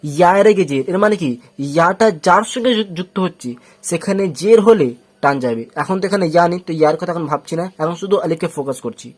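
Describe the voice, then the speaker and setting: A man teaching Quran reading, going over each rule slowly and repeating it many times, asking questions and answering them himself. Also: sits high, lively intonation. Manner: patient, repeats rules slowly and often, asks and answers its own questions. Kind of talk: step-by-step spoken lesson.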